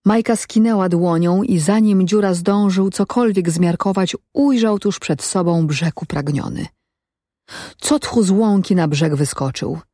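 A woman narrating a story aloud in a calm, measured reading. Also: on the low side, no room sound, clean studio sound. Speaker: audiobook narrator. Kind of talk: scripted narration.

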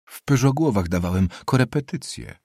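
A man's voice: mid-range voice, animated, normal speed, creaky, warm tone, dry recording, clean studio sound, pitched above the performer's own voice. A man playing a poor, earnest teenage student who answers politely and deferentially, in an audiobook reading.

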